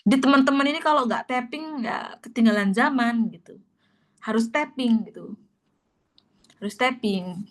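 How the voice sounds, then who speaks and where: A woman's voice: a little high, normal speed, pauses often. A woman teaching a class in a casual, chatty and emphatic way, repeating her points. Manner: chatty and emphatic, repeats herself, many fillers. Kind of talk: casual spoken lesson.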